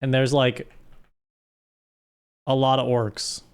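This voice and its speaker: A man's voice: mid-range voice, flat delivery, takes it slowly, clear, resonant tone. A man streaming live, recapping a story in a rambling, joking way. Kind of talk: casual live-stream chat.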